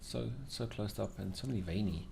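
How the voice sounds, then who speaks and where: Low voiced guy chatting casually over his gameplay, game ambience noise clearly behind him. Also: fairly quick, a little mellow. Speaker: gamer playing and commenting. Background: video game ambience.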